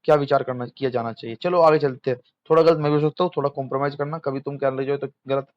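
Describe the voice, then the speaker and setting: A man's voice: mid-range voice, steady tone, racing, no room sound, dull audio. A young man teaching exam material in a casual lecture, chatty, quizzing students and answering himself.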